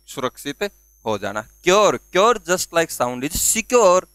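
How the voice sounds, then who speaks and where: A man's voice: fairly high pitch, fairly bright tone, smooth, no room sound. A man teaching vocabulary, asking questions and answering them himself and spelling words out letter by letter. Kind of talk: classroom-style video lesson.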